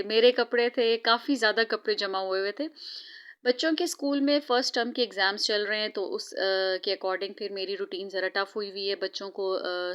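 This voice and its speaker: Smooth-voiced woman vlogging her home routine. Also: mid-range voice, lo-fi sound. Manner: warm, devout greetings and prayers, chatty with frequent hesitations. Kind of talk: casual vlog narration.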